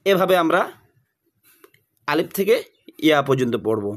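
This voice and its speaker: A man's voice: fairly high pitch, animated, normal speed. A man teaching a beginners' Quran reading class, drilling letter sounds aloud and addressing viewers as dear friends. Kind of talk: slow recited lesson.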